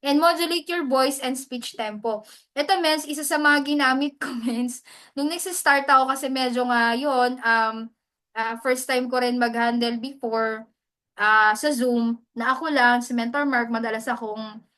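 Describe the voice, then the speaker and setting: A woman coaching in a loose, chatty way, her voice bright and forceful and set a little high. She drifts easily between her own language and English, as if talking over a video call. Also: fairly even intonation, a little slow. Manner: chatty, mixes English into Tagalog, often adds "mens". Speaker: hosting mentor. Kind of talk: casual teaching talk.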